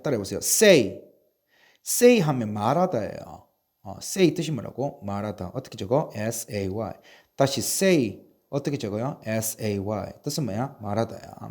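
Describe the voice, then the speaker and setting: A man's voice: on the low side, a little mellow. A man teaching an online English spelling lesson, asking how each word is written and then spelling it out letter by letter. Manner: drills spelling, spelling words out letter by letter; asks and answers his own questions. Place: recording a video lesson.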